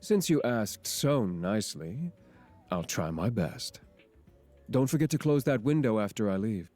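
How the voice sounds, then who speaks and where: [name], a woman putting on a deep teasing death spirit. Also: expressive, mellow, faint music behind, heavily acted. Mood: smug. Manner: slow, drawling and teasing. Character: flirtatious male death spirit, teasing, smug.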